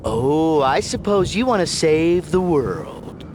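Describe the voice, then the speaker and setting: An actor voicing a hammy, wisecracking artificial intelligence sidekick in a comic video game, jokey and theatrical. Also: male voice, fairly high pitch, sing-song, takes it slowly, noisy background. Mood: pleading, jokey. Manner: jokey, theatrical, swooping delivery.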